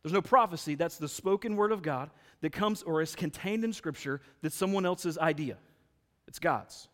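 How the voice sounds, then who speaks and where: A man preaching a sermon, his voice a touch higher than most men's. He builds emphasis with rhetorical questions, and his words ring out with a long hall reverb. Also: moderate pace, fairly bright tone. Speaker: pastor.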